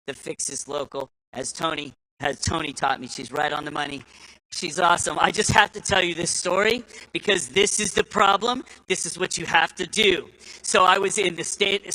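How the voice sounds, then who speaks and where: A man's voice: sits high, pushed and bright, poor audio. A man giving a speech at an event, telling a folksy story in an emphatic, repetitive way. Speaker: speaker at an election event.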